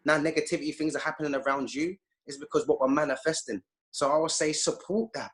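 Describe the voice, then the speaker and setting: A man's voice: on the high side, steady tone, quick pace, a bit bright. A man speaking as an interview guest. He talks in an emphatic, preachy way over a video call. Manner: emphatic, preachy, acts out quoted voices. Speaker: guest speaker, youth activist. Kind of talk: impassioned interview talk.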